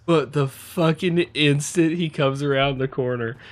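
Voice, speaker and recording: A man's voice: on the high side, unhurried. A young man streaming a game, chatting casually with viewers in a rambling, profane way and laughing often.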